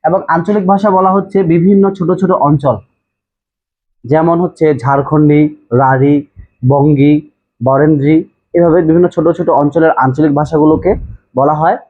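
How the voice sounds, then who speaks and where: A man's voice: on the high side, fairly even intonation, normal speed, pauses often, breathy edge. A man from Bangladesh teaching a class, explaining terms step by step, repeating key words and checking that students follow. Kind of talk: classroom lecture. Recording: tinny phone-like audio.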